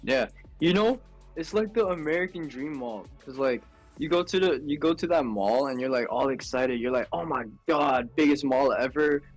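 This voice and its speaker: A teenage student talking casually about a novel for a class podcast, with lots of filler words. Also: male voice, mid-range voice, lively intonation, moderate pace, soft background music. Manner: loose, with many filler "like"s.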